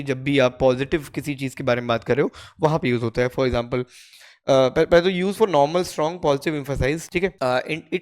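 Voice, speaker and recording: Indian male English teacher, slightly high voice; patient explainer who reads the examples slowly. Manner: repeats "ठीक है?" to check understanding, reads English examples slowly. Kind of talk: explaining grammar to learners.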